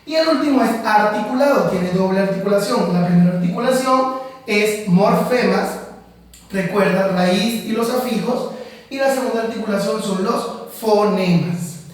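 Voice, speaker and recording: Male teacher for a class lesson, slow and deliberate explainer, very echoey room, off-mic. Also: high-pitched, distant mic.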